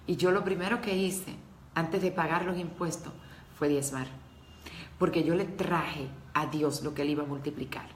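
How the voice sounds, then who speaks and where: A woman's voice: low voice, fairly even intonation, moderate pace, echoey room, a little hiss or hum. A woman preaching a devotional talk to women, earnest and emotional, speaking straight to her listeners.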